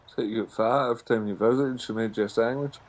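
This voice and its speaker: A man's voice: medium pitch, steady tone, fast. A man chatting casually with teasing remarks while talking through a voice changer filter in game voice chat. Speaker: co-player on a game stream.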